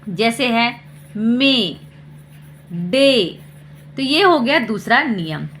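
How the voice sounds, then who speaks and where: Bright-voiced woman teaching phonics. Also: fairly high pitch, big pitch swings, a little hiss or hum. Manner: slow, deliberate letter-by-letter explanation with rhetorical questions. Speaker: parenting channel host teaching phonics. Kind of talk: explanatory lesson for parents.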